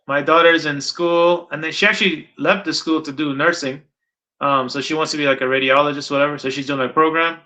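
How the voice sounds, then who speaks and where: A man's voice: on the high side, fairly even intonation, a little fast, sharp tone. A middle-aged man from Guyana, chatting casually as an interviewer, rambling and repeating his points for emphasis. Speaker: interviewer and channel host. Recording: dull lo-fi sound.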